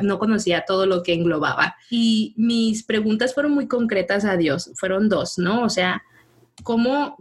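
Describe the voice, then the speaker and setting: A woman telling her personal faith testimony in casual conversation, animated and quick to laugh as she acts out what people said. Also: medium pitch, slightly rough. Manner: animated storytelling, laughs often, acts out dialogue.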